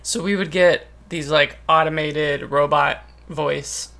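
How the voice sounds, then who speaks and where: A man's voice: a little high, fairly even intonation, takes it slowly, creaky, pushed and bright. A man chatting casually with dry, teasing jokes and a loose, rambling way of talking. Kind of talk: casual chat.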